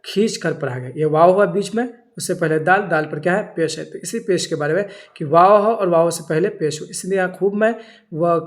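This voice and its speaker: Slow, patient male grammar teacher. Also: sits high. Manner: slow, repetitive, asks and answers own questions. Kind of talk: grammar lesson.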